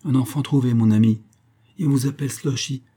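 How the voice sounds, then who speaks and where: A man's voice: mid-range voice, fairly even intonation, a little fast, breathy edge, pitched above the performer's own voice, natural voice. A man voicing a weary, courteous prisoner. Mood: kindly, curious. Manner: courteous, gentle questioning. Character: weary imprisoned gentleman, courteous and gentle.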